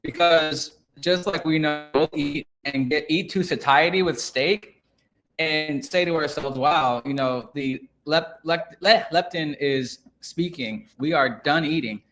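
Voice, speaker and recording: A man's voice: on the high side, measured pace, a bit bright, rough recording. A man speaking over a video call whose audio keeps cutting out and freezing, his words stumbling and chopped up in casual chat.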